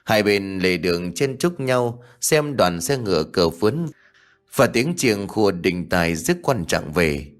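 A man narrating a scripted ghost story in a steady, measured way. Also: deep voice. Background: faint music.

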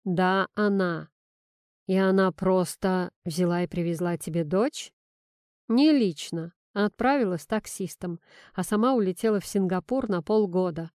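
A woman's voice: on the low side, moderate pace, darkish tone, clear, resonant tone, dry recording, natural voice. Woman voicing a weary grumbling new dad. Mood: flat. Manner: dry, grumbling. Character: weary, flustered young single father. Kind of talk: audiobook reading.

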